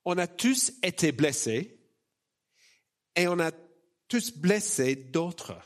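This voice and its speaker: A man preaches in a fairly high male voice with an Australian accent from his native English. He takes his time, pausing and repeating words. His sermon style is conversational, informal and gently self-deprecating. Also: expressive. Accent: Australian accent in French.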